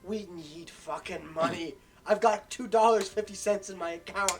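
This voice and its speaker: A woman co-hosting a comedic fan fiction reading, reacting with loud, profane disbelief. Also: medium pitch, normal speed, a little hiss or hum.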